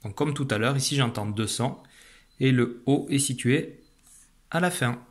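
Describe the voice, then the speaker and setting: A man teaching young children a phonics lesson, saying each sound slowly and carefully. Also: medium pitch. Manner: slow, careful, stretched-out pronunciation of sounds. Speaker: primary school teacher.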